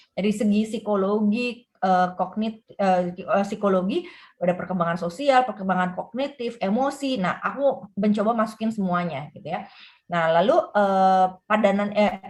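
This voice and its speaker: Woman explaining parenting ideas. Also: a little high. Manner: explains with frequent "gitu ya" tags and quoted examples. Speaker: parenting book author, guest. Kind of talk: explanatory interview talk.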